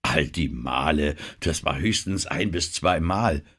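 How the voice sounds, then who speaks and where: A man doing a gruff, teasing sailor. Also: very deep voice, animated, measured pace, a bit bright, heavily acted.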